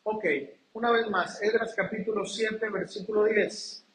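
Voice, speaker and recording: Guy preaching a sermon, pretty high voice, lots of room echo, keeps asking the church questions. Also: little pitch movement, measured pace, a bit bright. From Mexico. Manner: addresses congregation often as hermanos, asks rhetorical questions.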